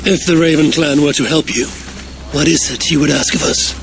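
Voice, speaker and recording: An actor playing a shrewd Viking clan leader, dry and guarded. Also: male voice, on the high side, steady tone, moderate pace, vocal fry, a little hiss or hum. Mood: wry. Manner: dry, wary.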